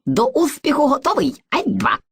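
A woman's voice: high voice, sing-song, normal speed, gravelly, faint music behind, exaggerated voice. A woman voicing Surzhyk, an eager, muddled boy who is personified mixed speech, in an educational cartoon, boastful and hesitant by turns. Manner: boastful, hesitant, playfully theatrical.

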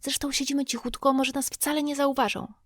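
A woman voicing a frightened young boy in an audiobook, speaking in hushed, anxious whispers while trying to sound brave. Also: high-pitched, steady tone, brisk, no echo, studio quality, voice pushed up. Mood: reassuring. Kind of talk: audiobook character voice.

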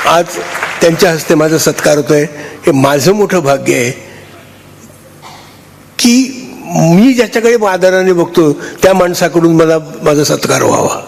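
Older man with a gravelly voice, speaking on stage. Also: fairly high pitch, expressive. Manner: halting, restarts, warm and chatty with the crowd. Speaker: honoree giving a speech. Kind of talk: stage speech to an audience.

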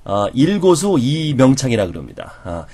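A man lecturing as a professor on conversation skills, animated and acting out reactions as he explains. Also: mid-range voice, normal speed.

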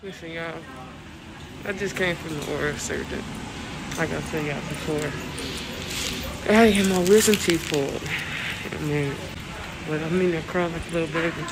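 A man's voice: on the high side, fairly even intonation, moderate pace, pauses often, very noisy. A man in his late twenties chatting animatedly to his viewers in a casual vlog, calling them y'all. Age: late 20s. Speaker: vlogger.

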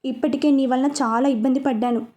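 A stubborn, hot-headed young man who scolds and gives orders in a blunt, rough way, read by a woman narrator. The voice stays high. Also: steady tone, fairly quick, dark tone, natural voice. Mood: angry.

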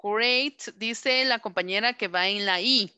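Bright, slow-paced woman teacher. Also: mid-range voice, clean tone, dry recording. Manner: slow, drawn-out word modelling and repeated questions. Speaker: English teacher. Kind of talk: online class instruction.

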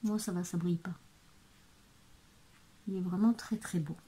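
A woman presenting craft supplies in a casual video, hesitant and full of fillers, murmuring softly while she handles things. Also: lowish voice, fairly even intonation, normal speed, noisy background. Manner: hesitant, many fillers and restarts. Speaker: craft vlogger. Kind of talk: casual product show-and-tell.

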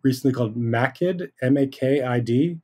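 A man talking casually as a podcast guest, relaxed and rambling, with fillers and restarts. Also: medium pitch, moderate pace, husky. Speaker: guest, hardware designer. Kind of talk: casual interview chat.

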